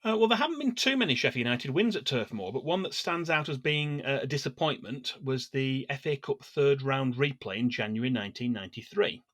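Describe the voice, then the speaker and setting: A man co-hosting a football fan podcast, calmly reading prepared notes on past matches with small hesitations and fillers. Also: medium pitch, no echo, studio quality. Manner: measured, steady delivery of scripted match history with small hesitations. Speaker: podcast co-host.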